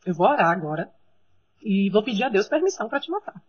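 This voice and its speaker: A woman acting out a father, stern but loving, who speaks to his daughter in a measured, firm way. The recording sounds slightly muffled. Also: medium pitch, big pitch swings, husky. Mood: mock-stern.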